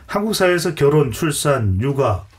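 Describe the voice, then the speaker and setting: A man's voice: fairly high pitch, big pitch swings, normal speed, husky. A man hosting a broadcast panel discussion as moderator, introducing guests and putting questions to them. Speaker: host, debate moderator.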